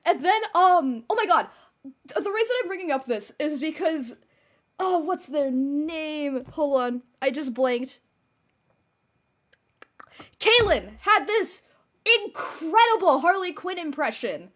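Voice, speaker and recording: A high-voiced young woman co-hosts a casual recap chat. She is enthusiastic and fills listeners in on what they missed. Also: lively intonation, takes it slowly, long pauses, a bit bright. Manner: enthusiastic, explains context for listeners. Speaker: podcast co-host.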